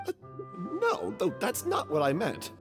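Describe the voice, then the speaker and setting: Timid troupe member, low voice, swooping pitch, flustered, video game. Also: female voice, huge pitch swings, measured pace, soft background music. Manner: flustered, self-deprecating. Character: timid, modest troupe member, nervous woman.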